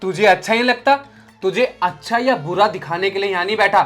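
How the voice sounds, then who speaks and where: Playing a hot-tempered, arrogant young boss in a short film, a man angrily and scornfully tears into his maid. He speaks fairly quickly in a high-pitched, slightly bright voice, with faint music in the background.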